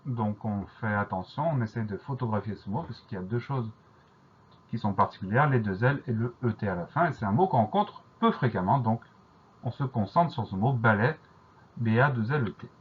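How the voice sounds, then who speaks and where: A man teaching a dictation lesson, who explains each word slowly and carefully and spells it out letter by letter. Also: fairly low pitch, expressive, highs cut off, a little hiss or hum.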